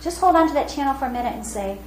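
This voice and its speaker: A woman's voice: high-pitched, animated, very fast, a little mellow, slight background noise. A woman choir teacher leading children through exercises, encouraging and demonstrative. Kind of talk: leading a class. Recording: roomy classroom sound with music.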